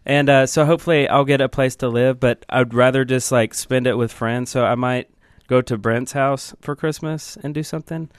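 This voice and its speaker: A man's voice: medium pitch, fairly even intonation, normal speed, hardly any pauses, clean tone, no room sound, clean studio sound. A man co-hosting a casual podcast, talking hesitantly with lots of fillers. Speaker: podcast co-host. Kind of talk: casual chat.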